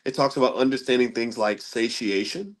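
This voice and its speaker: A man's voice: mid-range voice, brisk. Chatty middle-aged man explaining ideas. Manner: conversational, rambling with restarts, asks listeners "right?". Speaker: commentator on economics. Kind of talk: casual lecture-style talk.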